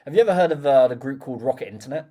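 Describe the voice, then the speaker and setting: A man's voice: mid-range voice, animated, very fast, dark tone. A man hosting a casual business conversation, chatty and loose, leaning on fillers as he talks. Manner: chatty, many fillers like "like", agrees often.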